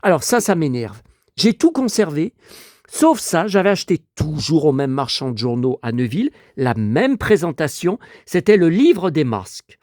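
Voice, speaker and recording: A man in his fifties from France, hoarse from a cold, rambling nostalgically with lots of asides as he shows off his collection. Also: fairly high pitch, sing-song, moderate pace, a little mellow, no room sound, studio quality. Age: 50s. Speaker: collector showing his memorabilia. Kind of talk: casual collection show-and-tell.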